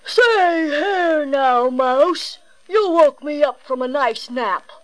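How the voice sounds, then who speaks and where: A woman voicing a great big, proud, mocking male lion with a slow, booming delivery. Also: lively intonation, rough recording. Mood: grumpy.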